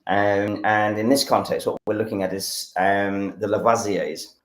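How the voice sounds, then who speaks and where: A man's voice: fairly low pitch, steady tone, unhurried, roomy sound. An English man explaining a science demonstration during a live stream. He talks with enthusiasm, rambles, and uses a lot of fillers. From England. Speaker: science educator.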